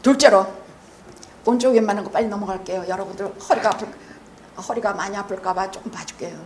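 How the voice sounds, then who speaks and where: A woman preaching a sermon as pastor, blunt and teasing, swinging from quiet asides to loud shouted emphasis. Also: mid-range voice, quick pace, a little hiss or hum. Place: church sanctuary.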